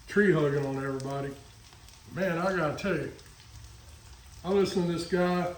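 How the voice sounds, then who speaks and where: A man's voice: fairly high pitch, far from the mic, a little hiss or hum. Man, Texan accent, folksy chat, cooking vlog, a bit off-mic, faint frying behind. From Texas. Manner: chatty and folksy, with many fillers and asides. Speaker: cooking vlogger. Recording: echoey, from off-mic, frying in background.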